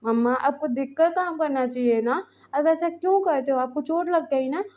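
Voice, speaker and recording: A woman's voice: high voice, moderate pace, lo-fi sound, lightly acted. A woman voicing a small boy who fusses over his hurt mother in a pleading way. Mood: fussing. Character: fussing little boy on his birthday.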